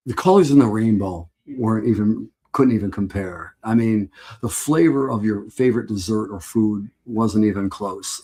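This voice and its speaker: Low husky man reminiscing. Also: warm tone. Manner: rambling, with frequent restarts and laughs. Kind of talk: casual reminiscing talk.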